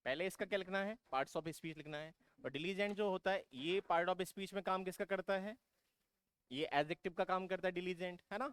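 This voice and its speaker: Drilling coaching teacher, smooth voice. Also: male voice, high voice, a little fast, no echo. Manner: constantly checks in with students, asking questions and answering them himself; calls students "beta". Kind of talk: vocabulary lesson for exam prep.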